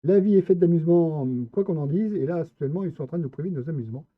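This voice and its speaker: A man's voice: fairly high pitch, very fast, no echo. A man giving casual gameplay commentary, chatty and playful, talking straight to his viewers. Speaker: streamer. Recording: tinny phone-like, dry sound.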